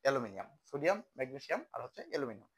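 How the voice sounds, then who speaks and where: This young man's medium-pitched voice is sing-song and slightly rough, and he races along as he teaches chemistry. His style is casual and conversational, with questions he answers himself.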